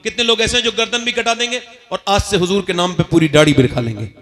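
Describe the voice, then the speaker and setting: High-voiced fervent male preacher. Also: quick pace. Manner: fervent, exhorting the crowd, rising to shouts. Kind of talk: impassioned religious sermon.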